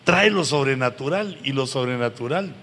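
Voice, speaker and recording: Guy preaching, earnest, bursts loud sometimes, faint room noise and echo. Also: mid-range voice, expressive, normal speed. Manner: earnest, pleading, with sudden loud emphatic rises. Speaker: pastor. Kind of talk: sermon to pastors. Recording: long hall reverb, faint background noise.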